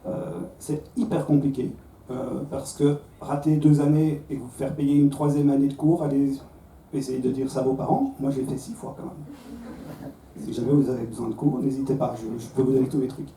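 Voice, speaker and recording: His voice is medium-pitched, warm, and steady at a moderate pace, with slight background noise. He is a Belgian man in his thirties with a Belgian French accent, doing self-deprecating stand-up at a comedy club and stammering as he restarts lines. The distant, roomy recording carries a faint crowd.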